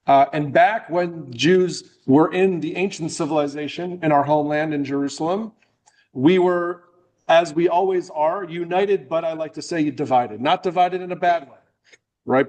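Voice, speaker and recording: A man's voice: fairly high pitch, moderate pace, a little mellow. A middle-aged man from New England giving a friendly, joking talk at a club meeting, loose and full of restarts. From New England, USA. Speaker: guest speaker. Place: meeting room.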